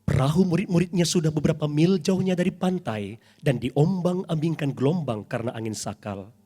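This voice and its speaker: A middle-aged man preaching a sermon as pastor in a church, dramatic and animated, with sudden loud highs. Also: fairly quick, breathy edge.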